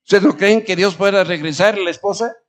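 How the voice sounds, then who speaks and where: Male pastor, sermon delivery, high pitch, rhetorical and shifting in volume. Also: a little fast. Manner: preaching with rhetorical questions and shifts between loud and quiet. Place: church.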